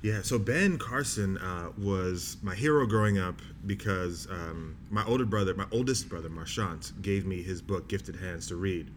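Young man, very low voice, calm explainer, noisy recording, guest interviewee. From New Jersey, with Bahamian family. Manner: measured and explanatory, with filler words. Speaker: guest, doctor in training. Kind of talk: casual interview answers.

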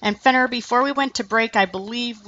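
A woman hosting a radio show, announcing in a formal, measured way. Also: on the high side, sharp tone, dull audio.

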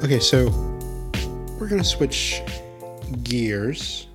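A man's voice: mid-range voice, sing-song, slow, loud music behind the voice. A man hosting a podcast in a playful, jokey way and often laughing. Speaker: podcast host. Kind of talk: casual podcast chat.

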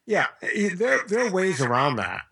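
A man's voice: high-pitched, huge pitch swings, moderate pace, creaky, bright, forceful tone, husky. An American man talking casually and bluntly as an interview guest, handing out informal advice.

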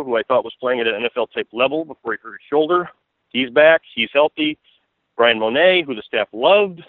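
This American man, a sports beat writer being interviewed, has a medium-pitched voice with no echo, coming through a tinny phone line. His analysis is chatty and meandering, and he repeats himself for emphasis.

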